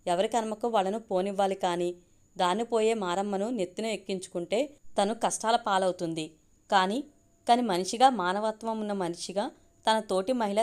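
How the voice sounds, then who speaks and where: Female storyteller, steady read-aloud narration, mid-pitched.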